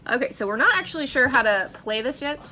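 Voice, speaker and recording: A woman's voice: high-pitched, lively intonation, quick pace, very noisy. A young woman chatting casually to camera as a vlog host, recorded at a table at home. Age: young adult. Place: small room at home, at a dining table.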